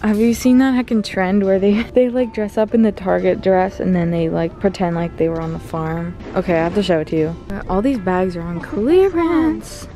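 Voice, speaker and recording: A woman's voice: mid-range voice, normal speed, hardly any pauses, dark tone, faint music behind. A young woman in her twenties filming a casual shopping vlog in a large store, chatty and upbeat. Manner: chatty, upbeat, laughs often. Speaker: vlogger. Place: large retail store, indoors.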